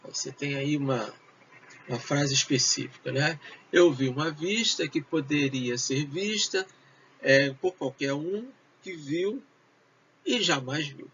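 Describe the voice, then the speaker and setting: Slow, hesitant male teacher, lo-fi. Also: fairly high pitch, fairly bright tone. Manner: slow, hesitant, many fillers, mixes Portuguese and English. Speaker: English teacher. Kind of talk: recorded video lesson. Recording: dull lo-fi with faint noise.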